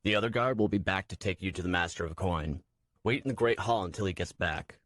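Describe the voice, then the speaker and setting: A man's voice: sits low, a little fast, fairly bright tone, dry recording, studio quality. A man doing a cocky young castle guard. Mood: curt. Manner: teasing, confident. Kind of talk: audiobook character voice.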